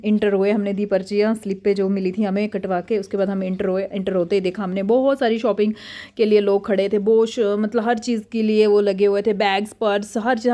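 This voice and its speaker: Woman vlogger, 30s, mom narrating a family outing, warm mellow voice, chatty and excitable. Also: mid-range voice. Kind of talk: casual chatty vlog narration.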